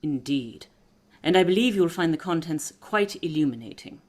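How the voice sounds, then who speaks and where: A shrewd aristocratic lady detective played by an actress in a period radio mystery, with a low female voice. She explains in a measured, authoritative way, fully composed and deliberate. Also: animated. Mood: solemn.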